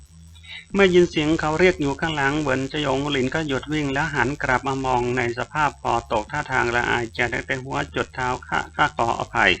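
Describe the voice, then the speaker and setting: Bright-voiced male storybook narrator. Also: mid-range voice, quick pace, gravelly, hardly any pauses, a little hiss or hum. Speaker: audiobook narrator.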